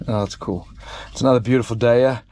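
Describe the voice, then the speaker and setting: A fast-talking South African man vlogs casually from an outdoor motorhome camp beside a racetrack, full of jokes and self-mockery. His voice is medium-pitched and dark in tone, with fairly even intonation.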